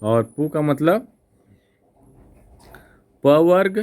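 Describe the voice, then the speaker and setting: A man teaching an exam-prep lesson in a fairly high voice. He talks slowly and repeats each point, with frequent checks that the class follows. He stops to fix his own mistakes and apologizes for them. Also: lively intonation, darkish tone, clear, resonant tone. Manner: slow, repetitive explaining with frequent "ठीक ना?" checks; self-correcting, apologetic.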